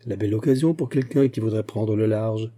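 A shrewd, middle-aged musketeer captain, read by a man, polite yet pointed, with a very dark, husky voice. He presses his hints calmly and courteously, lending a dry irony to each word of this audiobook reading. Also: fairly low pitch, fairly quick, close to an everyday voice. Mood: insistent. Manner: courteous, insistent, quietly ironic.

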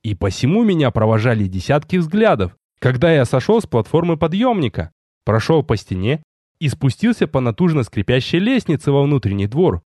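A man narrating an audiobook in a measured, expressive way. His voice moves lively up and down in pitch and sits mid-range. The recording is dry and close. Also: dry recording. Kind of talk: scripted first-person narration.

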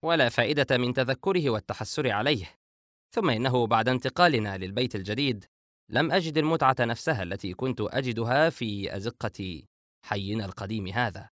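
A man's voice: mid-range voice, fairly quick, a bit bright, dry recording, studio quality, close to an everyday voice. A man voicing a joking, teasing grown brother in an audiobook. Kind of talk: audiobook character voice.

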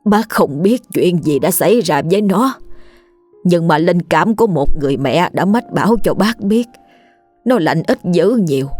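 A woman's voice: on the low side, darkish tone. A woman voicing an elderly grieving mother who pleads tearfully.

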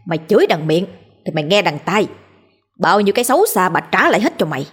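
A woman voicing a foul-mouthed village wife who hurls rapid, shrill curses at a neighbour. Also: sing-song, breathy edge, soft background music. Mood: ranting. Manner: shrill rapid cursing tirade.

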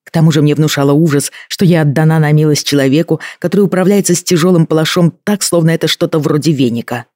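Male audiobook narrator, measured first-person read, slightly raised pitch, dry close mic. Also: darkish tone, dry recording.

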